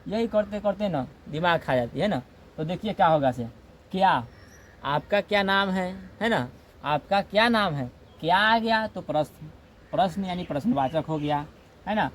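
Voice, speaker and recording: A man's voice: high voice, lively intonation, moderate pace, a bit bright, a little hiss or hum. A man teaching grammar in a classroom, repeating points and often checking in with "है ना". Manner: repetitive, checks in with "है ना"; acts out comic example dialogue. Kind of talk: classroom lecture.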